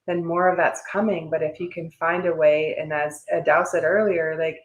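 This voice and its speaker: A woman host with a low voice chats casually. She affirms what she hears warmly, and her voice carries a roomy echo. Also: little pitch movement, normal speed. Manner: warm, affirming. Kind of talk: casual chat.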